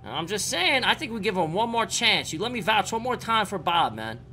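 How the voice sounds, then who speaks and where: A man's voice: high voice, sing-song, moderate pace, over music. A man in his thirties role-playing in casual, slangy, cajoling chat on a close streaming mic. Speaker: streamer role-playing in an online crime game. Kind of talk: casual improvised in-character chat. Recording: game voices and vehicles behind.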